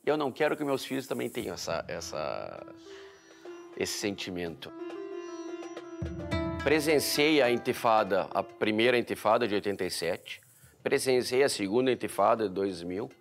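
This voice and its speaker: A Brazilian man in his fifties speaking earnestly about family and homeland in a documentary interview at home. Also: mid-range voice. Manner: earnest and heartfelt. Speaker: entrepreneur and law student. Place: living room at home, indoors.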